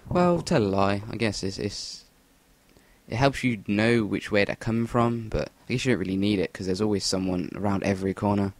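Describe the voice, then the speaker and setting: In a dry recording made on a cheap Rock Band USB mic, a young English gameplay commentator with a lowish, somewhat mellow voice talks over a shooter game, wandering off topic and swearing freely.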